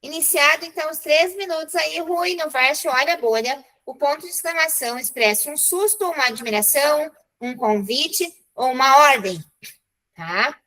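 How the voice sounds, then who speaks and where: A Brazilian woman teaches a class over a video call, her voice high and bright. She is chatty and encouraging and keeps checking in with the students as she goes. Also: normal speed, low-quality recording. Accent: Brazilian Portuguese. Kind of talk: live online class.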